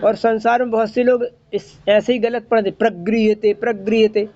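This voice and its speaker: A woman teaching a chant line by line, slowly correcting each syllable's pronunciation. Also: fairly high pitch, flat delivery, dark tone. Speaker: religious teacher. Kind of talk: line-by-line recitation lesson. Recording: dull lo-fi recording.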